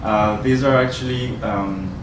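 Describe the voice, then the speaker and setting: A man from Ecuador gives a talk to an audience, pausing often and restarting his sentences. His voice sits low. The recording is distant and roomy, with clear noise behind him. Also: steady tone. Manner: hesitant, many ums and restarts. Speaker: researcher giving a talk. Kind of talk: presentation at a community event. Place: venue with a live audience. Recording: roomy sound from far off, noisy.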